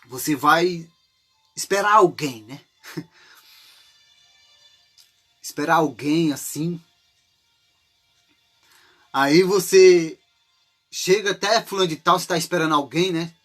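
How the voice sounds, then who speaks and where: A Brazilian man with a Brazilian Portuguese accent preaches an informal sermon, speaking chattily with many rhetorical and tag questions and sometimes acting out desperate cries for help. His voice is on the high side and fairly bright, and he takes it slowly with frequent pauses over soft background music.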